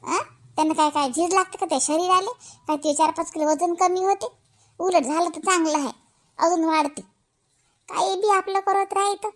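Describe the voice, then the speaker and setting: A woman plays a bossy village mother in a cartoon family drama. She nags and scolds bluntly. Her voice sits very high. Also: steady tone, moderate pace. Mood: insistent. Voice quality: nagging, rustic, scolding tone. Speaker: cartoon voice actor.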